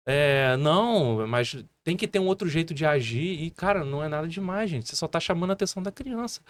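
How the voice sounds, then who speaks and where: A man in his thirties with a Brazilian Portuguese accent, a martial arts instructor talking as a podcast guest and telling animated stories full of fillers. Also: on the high side, no echo. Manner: animated storytelling with many fillers. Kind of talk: casual podcast conversation.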